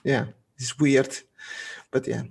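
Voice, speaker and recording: A Portuguese man with a Swiss German accent speaks in a gravelly, slightly husky voice of medium pitch, with fairly even intonation and a darkish tone. As a podcast guest he talks casually and haltingly, often restarting a phrase before he finishes it.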